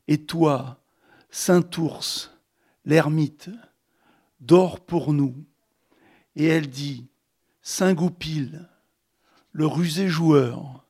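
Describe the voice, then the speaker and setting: A man, an author, reading his own text as a slow, incantatory litany and then answering questions about how he writes. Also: on the high side, vocal fry, a little mellow. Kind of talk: literary reading and interview answers.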